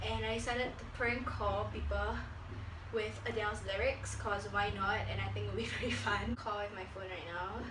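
A young adult woman vlogs from a small indoor living room, chatting casually to the camera and making prank phone calls with a giggly manner. Her mid-range voice holds a steady tone at a normal pace. The camera sits a few steps away, so the sound is roomy, noisy, and distant.

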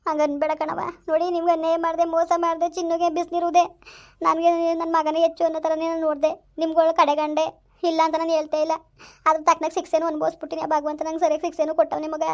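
A woman's voice: sits high, darkish tone. Woman playing a pleading remorseful stepmother. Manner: pleading, self-reproaching. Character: remorseful middle-aged stepmother pleading tearfully. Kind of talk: village family skit.

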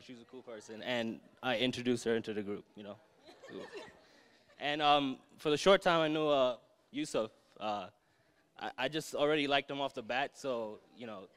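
A man's voice: mid-range voice, a bit bright. A young man giving a joking, laid-back wedding toast.

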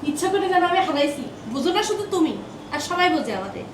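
A woman speaks quietly and sounds upset in casual talk at home. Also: sits high, sing-song, fast, background noise. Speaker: vlogger's wife.

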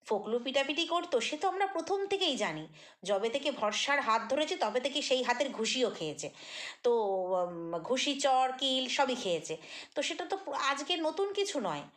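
A woman vlogger talking through a casual commentary monologue, chatty and critical, with many fillers and restarts. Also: sits high.

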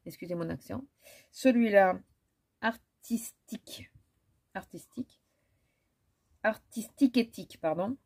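A woman's voice: mid-range voice, moderate pace, gravelly, pauses often, a little mellow. A woman, chatting casually through a makeup haul with many fillers and restarts. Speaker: beauty vlogger. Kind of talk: casual haul chat with swatches.

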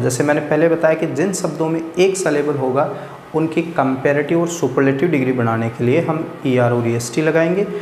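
A man's voice: mid-range voice, darkish tone. A man teaching English grammar in an exam-prep lecture, explaining step by step and often checking that students follow. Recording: echoey hall with faint hiss.

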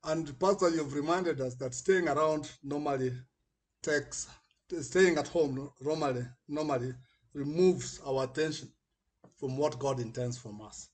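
A middle-aged Kenyan man with a husky voice, a church elder giving a measured devotional response over a video call. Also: on the high side, a little mellow. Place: curtained indoor room. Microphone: computer mic on video call.

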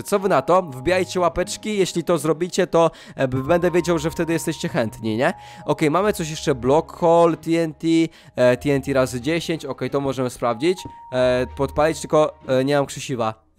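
A high-pitched young-sounding man running through a game, chatting straight to his audience. He talks in an excitable, jumpy way and breaks into surprised yelps. Faint music plays underneath. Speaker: gaming YouTuber. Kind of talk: let's-play commentary.

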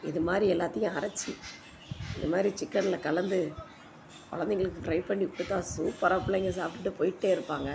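A woman narrates a home recipe in a lowish, gravelly voice. She sounds hoarse, as if her voice is giving out. The voice-over is informal, with clear background noise. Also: steady tone, fast. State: hoarse, voice giving out from a cold-weather strain. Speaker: home cooking video host. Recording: noisy home voice-over recording.

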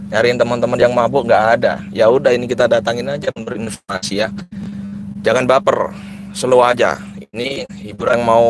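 A man's voice: mid-range voice, noisy background. A man, chatting casually on a live stream, repeating phrases and mixing in prayers. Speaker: live-streaming spiritual healer vlogger. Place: car at night.

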